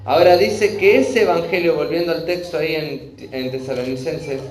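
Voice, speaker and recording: A man preaching a verse-by-verse Bible sermon, earnest, often pausing to check in with his listeners. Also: on the high side, a little mellow, soft background music. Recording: echoey room with faint ambience.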